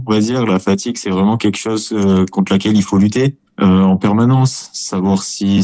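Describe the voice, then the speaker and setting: A man's voice: sits low, dark tone, no echo. A man in his twenties from France, an ultra-trail runner answering interview questions with many hesitations and restarts. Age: 20s.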